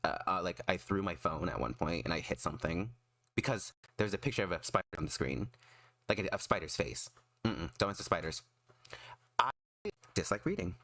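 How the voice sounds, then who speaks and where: A man chatting casually on a livestream in an excitable, emphatic, self-deprecating way. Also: low voice, fairly quick, dry recording. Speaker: streamer and artist.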